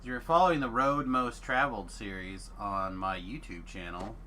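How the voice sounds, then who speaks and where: A man's voice: on the low side, moderate pace, pushed and bright. A man streaming a video game, chatting casually as he plays. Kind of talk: casual gameplay chat.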